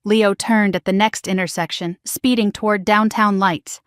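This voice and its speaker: A woman in a mid-range voice narrates a first-person suspense story in a steady, dramatic way. Her delivery is scripted and even. The sound is dry and close, with no room echo. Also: mid-range voice, moderate pace, clean tone.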